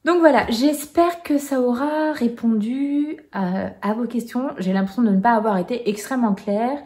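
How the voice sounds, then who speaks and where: A woman's voice: fairly high pitch, normal speed, warm tone. A woman vlogger chatting casually at home, hesitant and full of filler sounds. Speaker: knitting vlogger. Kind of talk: casual chat.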